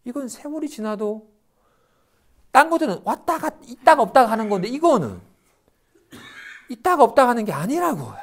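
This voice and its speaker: A man, a Buddhist monk, giving a dharma lecture and acting out everyday complaints in quick asides. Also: very high-pitched, sing-song.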